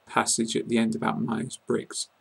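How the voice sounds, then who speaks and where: A British-accented man teaches English pronunciation, saying words one at a time and repeating them with care. His voice is gravelly and a little husky, and his pitch stays flat and even. He speaks slowly, like a patient tutor. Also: poor audio. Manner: slow, deliberate word-by-word pronunciation. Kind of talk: pronunciation lesson.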